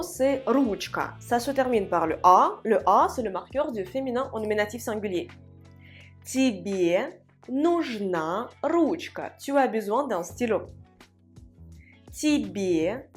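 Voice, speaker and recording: A woman teaches an online language lesson in a slightly high voice. She walks through grammar step by step and says each example sentence slowly and with care, then says it again. A little soft music plays behind her. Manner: slow, deliberate repetition of example sentences.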